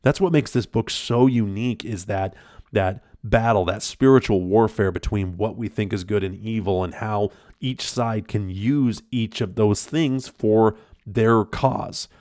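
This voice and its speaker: A man's voice: lowish voice, fairly even intonation, a little slow, darkish tone, no room sound, studio quality. A man hosting his own podcast, talking through a book in an earnest, rambling way with lots of fillers and restarts. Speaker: podcast host. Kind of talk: reflective solo book talk.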